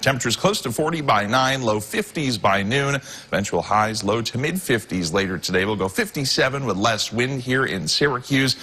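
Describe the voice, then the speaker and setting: A man meteorologist delivering a steady, measured morning TV forecast. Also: fairly low pitch, husky. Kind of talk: TV weather forecast.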